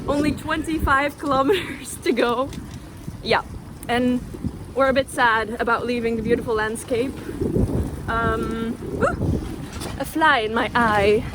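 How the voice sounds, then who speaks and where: A woman's voice: fairly high pitch, measured pace, long pauses, heavy background noise. A woman vlogger chatting casually and informally outdoors during a trip. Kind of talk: casual outdoor vlog chat.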